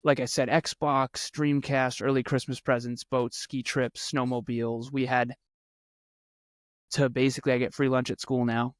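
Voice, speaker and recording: Man, 30s, podcast guest; earnest storyteller who repeats for emphasis, dry close sound, mid pitch. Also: level tone, moderate pace, no echo. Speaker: podcast guest, speaker and coach. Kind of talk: conversational interview storytelling.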